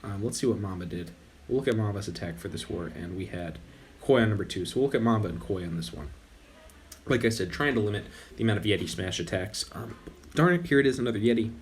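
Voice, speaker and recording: A young gaming host talks fast in a lower voice, with a little background noise in the recording. He's losing his voice while giving loose, relaxed commentary over gameplay and keeps correcting himself.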